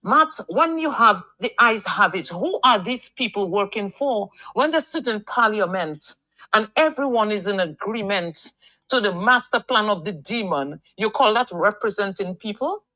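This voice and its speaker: A woman's voice: medium pitch, expressive, moderate pace, bright, forceful tone, no echo, low-quality recording. A woman from Dominica, heard in a voice message played on air, complaining with passion and repeating words as she searches for them. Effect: recorded voice message played on air. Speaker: caller sending a voice note. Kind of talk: political call-in complaint.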